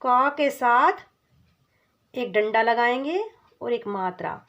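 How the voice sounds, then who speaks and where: Slow, high-voiced woman teaching children. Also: animated, fairly bright tone, dull audio. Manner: patient, asks questions and answers them herself; calls the listener "beta". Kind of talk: slow children's Hindi lesson.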